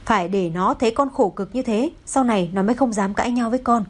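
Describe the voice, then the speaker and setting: A gentle older mother-in-law, as a woman reads her lines, speaking softly with a slightly high, breathy tone. She can turn dry and scolding toward her son. Audiobook storytelling. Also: fast talker. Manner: soft-spoken, scolds dryly.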